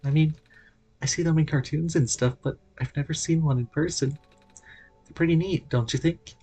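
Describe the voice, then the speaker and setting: A man's voice: fairly high pitch, steady tone, moderate pace, warm tone, slightly rough, soft background music, voice pushed up. A man voicing a curious, cheerful young child hero in a video game, talking in an eager, wondering way.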